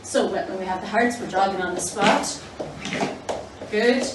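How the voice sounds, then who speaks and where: A woman's voice: medium pitch, a little slow. A woman demonstrating an exercise game for children, giving simple, encouraging instructions. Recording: roomy, distant mic with clear background noise.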